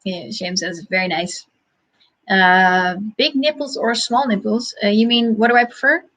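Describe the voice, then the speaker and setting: A woman hosting a casual livestream, answering chat questions in a halting, thinking-aloud way with frequent chuckles. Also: a little high, fairly bright tone, low-quality recording.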